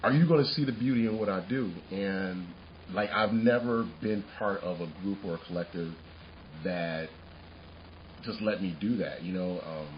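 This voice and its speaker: A man co-hosting a casual podcast chat, animated and laughing often, restarting his sentences as he goes. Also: low voice, normal speed, muffled recording, slight background noise. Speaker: podcast co-host.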